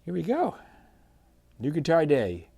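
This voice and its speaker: A man hosting a guitar channel, chatting in a relaxed, folksy way while unboxing a new guitar. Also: a little high, measured pace, vocal fry, breathy edge, no room sound. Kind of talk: casual unboxing vlog.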